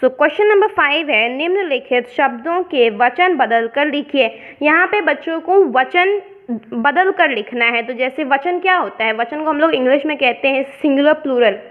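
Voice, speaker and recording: A woman's voice: high-pitched, lively intonation, moderate pace. A woman teacher from India explaining a worksheet step by step, mixing English words into her lesson. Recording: dull lo-fi sound.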